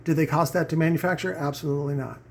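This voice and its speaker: A middle-aged man hosts a casual home audio review vlog, delivering an opinionated, rambling monologue to viewers. His voice is on the high side, steady and quick, slightly rough with vocal fry, and he stresses points by repeating phrases and keeps checking in with "right?" and "okay?".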